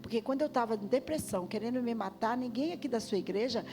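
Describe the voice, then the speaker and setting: A woman giving an emotional testimony sermon, swinging from loud cries to hushed tones. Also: fairly high pitch, fast. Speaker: guest preacher. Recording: music playing behind the voice.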